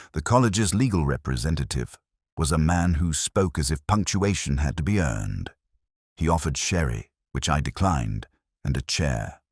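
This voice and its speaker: A man playing a melancholy, cerebral police inspector, narrating a murder case in a measured, formal, literary first person. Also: a bass voice, dry recording, clean studio sound, heavily acted.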